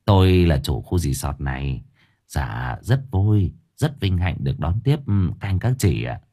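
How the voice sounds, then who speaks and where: Man plays a low-voiced, deferential middle-aged resort owner, husky and humble. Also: sing-song, dark tone, exaggerated voice. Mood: polite. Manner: deferential, slow polite speech. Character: middle-aged bald male resort owner, polite and sheepish.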